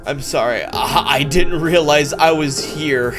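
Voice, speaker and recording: A man's voice: on the high side, measured pace. A man giving casual, playful let's play commentary, often hesitant as he goes. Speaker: streamer playing a game. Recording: game music behind the voice. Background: game music.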